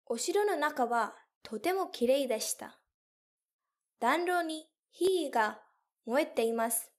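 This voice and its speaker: Young woman teacher, high voice, very slow, clear careful storytelling for learners. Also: animated. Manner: clear, careful, deliberate phrasing. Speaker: language teacher.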